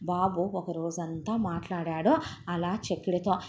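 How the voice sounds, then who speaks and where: A woman's voice: fairly low pitch, fairly even intonation, unhurried, darkish tone, slight background noise. A woman storyteller narrating a family drama in a conversational, dramatic way.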